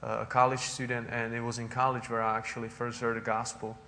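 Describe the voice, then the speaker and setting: A man with a Czech accent speaks earnestly to a congregation in a flat, even tone. His voice is bright and forward, and a long reverb trails each phrase in the church hall. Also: medium pitch, fast. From Czech Republic. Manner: earnest, with frequent "uh" fillers and restarts. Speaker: visiting missionary.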